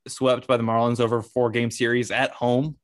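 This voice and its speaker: A man co-hosting a casual sports chat, chiming in with quick remarks and opinions. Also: mid-range voice, little pitch movement, no room sound, studio quality. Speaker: podcast co-host.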